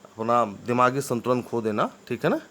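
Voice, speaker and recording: A man gives an English vocabulary lesson at a mid-range pitch. He spells each word out slowly, letter by letter, and keeps checking that his students are following. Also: lively intonation, a bit bright. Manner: spells words letter by letter, often asks "ठीक है ना?".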